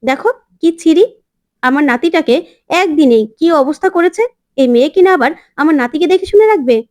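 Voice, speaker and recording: A woman voicing a sharp-tongued old grandmother who scolds and taunts. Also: high-pitched, animated, a little fast, no echo, studio quality. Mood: scornful.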